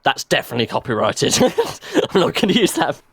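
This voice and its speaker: A man's voice: fairly high pitch, huge pitch swings, moderate pace, husky, dry recording. A man co-hosting a casual racing podcast, jokey and playful, swearing now and then. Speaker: podcast co-host.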